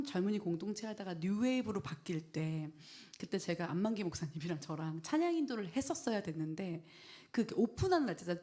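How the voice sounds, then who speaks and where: In a mid-range voice, a middle-aged pastor shares her own testimony as a sermon. Her telling is earnest and story-driven, and she lowers to a gentle whisper when quoting the prayers she prayed.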